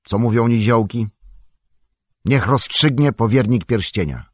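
A man voicing a proud, forceful male warrior in an audiobook, talking bluntly with a raised voice. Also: mid-range voice, expressive, a little slow, slightly rough, dry recording, clean studio sound, voice pushed up. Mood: defiant. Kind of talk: audiobook character reading.

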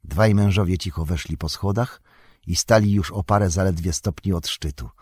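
Male audiobook narrator, low and husky, measured, dry booth. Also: dry recording. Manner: steady, measured storytelling.

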